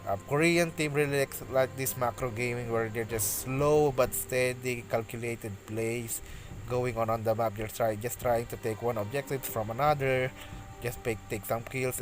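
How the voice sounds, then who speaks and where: With faint music in the background, a man rehearses esports match commentary. His mid-range delivery is halting, full of restarts, and spikes with excitement on major plays.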